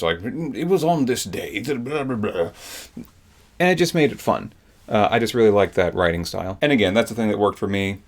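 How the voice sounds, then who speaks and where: Low-voiced man reviewing a book. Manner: enthusiastic, rambling, with many fillers. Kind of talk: casual spoken book review.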